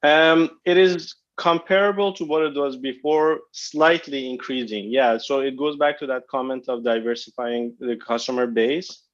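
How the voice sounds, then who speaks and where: A man's voice: medium pitch, fairly even intonation, normal speed. Guy on a conference call line, exec answering questions, lots of ums and restarts, kinda dull muffled sound. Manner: hesitant, many fillers and restarts. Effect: conference call phone line. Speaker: company executive answering analysts.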